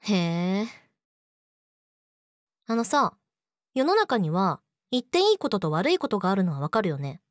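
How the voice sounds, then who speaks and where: Woman acting a sweet, eerily obsessive girlfriend, lively pitch. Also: a little slow, long pauses, no echo, studio quality. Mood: jealous, reproachful. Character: sweet, possessive, jealous young yandere girlfriend. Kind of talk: Japanese situation voice audio drama, addressed to the listener.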